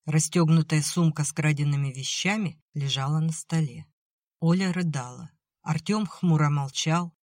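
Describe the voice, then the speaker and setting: A woman reading an audiobook aloud in a measured, even way. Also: low voice, no room sound. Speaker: audiobook narrator. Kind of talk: scripted audiobook narration.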